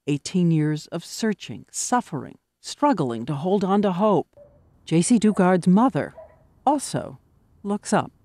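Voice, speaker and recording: A man's voice: sits high, sing-song, measured pace, a little mellow. A man giving scripted documentary narration with a dramatic, emphatic delivery. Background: music.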